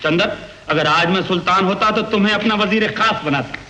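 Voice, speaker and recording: A man's voice: sits high, bright, forceful tone, a little hiss or hum, low-quality recording. An actor playing a pompous, lovesick nobleman who woos in florid poetic phrases, in 1950s film acting. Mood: proud. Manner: florid, slow poetic wooing.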